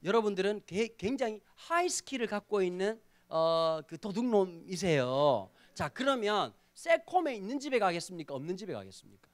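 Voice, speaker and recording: A man preaching to a youth congregation, animated and full of rhetorical questions. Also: sits high, moderate pace. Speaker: pastor. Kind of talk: youth sermon. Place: church service.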